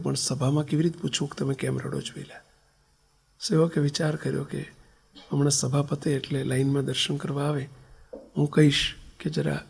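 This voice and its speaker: A man with a Gujarati accent gives a storytelling sermon as a swami. His voice sits a little high, with a gravelly, husky edge. He swings between loud, stressed lines and soft, near-whispered ones. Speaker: swami giving a religious discourse.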